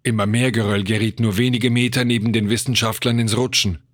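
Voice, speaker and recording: A man reads a tense audiobook story in a measured way. His mid-pitched voice has a breathy edge. The sound is dry and close with no room. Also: little pitch movement, no echo. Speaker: narrator. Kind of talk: scripted audiobook narration.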